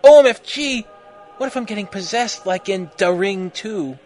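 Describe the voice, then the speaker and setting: Man putting on a shrill, melodramatic goth teen girl. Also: moderate pace, darkish tone, lightly acted. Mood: distraught. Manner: overwrought, exclaiming. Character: melodramatic gothic teenage girl, angsty and foul-mouthed.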